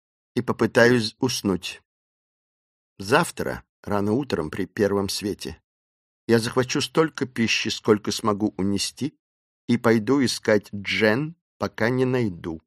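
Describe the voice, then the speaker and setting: A man voicing a grieving old professor in an audiobook, speaking low and heavy with sorrow. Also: expressive, normal speed, husky, dry recording, studio quality. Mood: grim resolve. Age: older. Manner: low, subdued, grief-stricken. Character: grieving old male professor, resolute yet hopeless.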